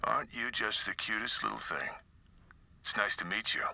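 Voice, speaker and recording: An actor playing a lonely, gentle male prisoner in a video game, speaking softly and tenderly, as if coaxing a small creature. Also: fairly low pitch, animated, moderate pace, full character voice. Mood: tender, friendly. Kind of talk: video game character acting.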